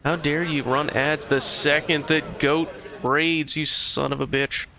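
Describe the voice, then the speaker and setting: A man's voice: a little high, fairly even intonation, unhurried, bright, forceful tone, a little hiss or hum. A man livestreaming a game, chatting casually with viewers in a loose, profane way. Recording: slightly dull stream audio with music.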